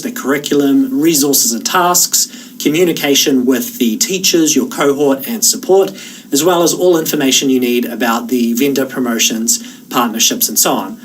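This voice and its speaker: A man with a New Zealand accent, an online course instructor explaining how the course works in a relaxed, conversational way. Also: mid-range voice, far from the mic, slight background noise, low-quality recording. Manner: relaxed, conversational, with frequent "uh" fillers. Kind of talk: course orientation talk to camera.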